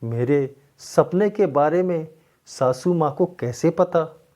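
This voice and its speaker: A man's voice: fairly high pitch, slow pace, warm tone. A man voicing a shy young daughter-in-law who answers timidly, in a storybook tale. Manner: flustered and shy.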